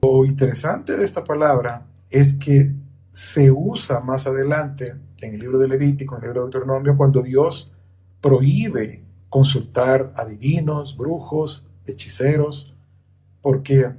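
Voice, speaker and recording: A man's voice: mid-range voice, a little slow, dark tone, slightly rough. A man on a Bible study podcast, explaining scripture in a patient, methodical teaching tone.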